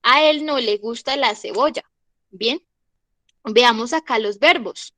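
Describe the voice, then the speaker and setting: A young woman teaching a grammar lesson, patient and methodical, checking in with her students after each point. Her voice sits a little high. The sound is dry, with no room echo. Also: unhurried, a bit bright. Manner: patient, checks in often with short questions. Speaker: English teacher. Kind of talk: explaining grammar to a class.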